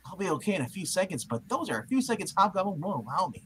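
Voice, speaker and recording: A man's voice: high-pitched, big pitch swings, rapid-fire, fairly bright tone, a little hiss or hum, pitched below the performer's own voice. A man voicing a brash, wisecracking young superhero, melodramatic and exclamatory, in a comic book puppet-show reading. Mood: determined.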